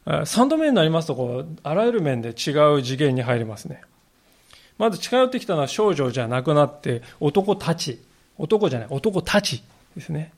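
A man's voice: on the high side, very animated, normal speed. A male pastor giving a sermon in a conversational storytelling way, acting out the quoted lines.

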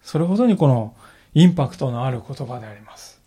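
A male pastor giving a sermon in an earnest, reflective way, slowing down to stress key phrases. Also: mid-range voice, animated, dark tone, husky. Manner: earnest, reflective preaching with emphatic slowed phrases.

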